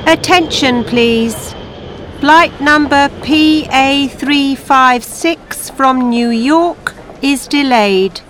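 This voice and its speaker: High, slow female airport announcer, acted by a woman. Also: background noise. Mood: formal, neutral. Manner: formal, measured, clearly enunciated public announcing. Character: female airport announcer giving flight notices.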